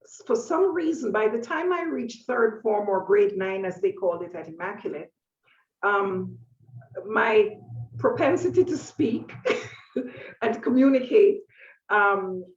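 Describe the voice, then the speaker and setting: A woman around sixty from Jamaica talks thoughtfully as an interview guest, pausing and restarting as she reflects. Her voice sits back from the mic in a roomy, echoey space. The sound is slightly dull. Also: mid-range voice, distant mic. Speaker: author and painter, guest. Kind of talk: conversational interview.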